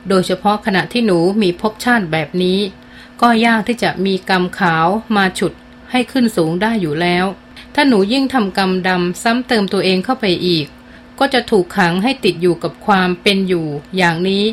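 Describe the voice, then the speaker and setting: A woman voicing a teenage girl who speaks softly and evenly, gently soothing her pet dog in a storybook reading. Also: medium pitch, moderate pace, slight background noise, lightly acted. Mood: tender. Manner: soft, calm and even, tender.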